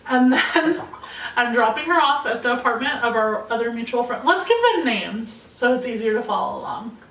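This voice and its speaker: A woman's voice: on the high side, normal speed. Young woman telling a story, roomy sound. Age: young adult. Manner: animated storytelling, laughing often. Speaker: podcast co-host. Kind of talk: casual podcast chat. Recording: roomy, distant mic, faint noise.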